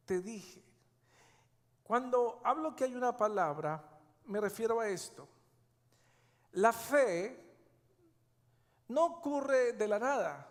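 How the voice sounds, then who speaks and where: A male pastor preaching a sermon, emphatic and repeating his key phrases. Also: very high-pitched. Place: church sanctuary. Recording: long church hall reverb.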